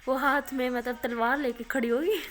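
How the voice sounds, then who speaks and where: A woman's voice: high voice, fairly even intonation, fairly bright tone, faint music behind. A woman voicing an anxious, apologetic young college woman who pleads and frets, told in a casual spoken story. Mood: fretful. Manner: pleading, fretful.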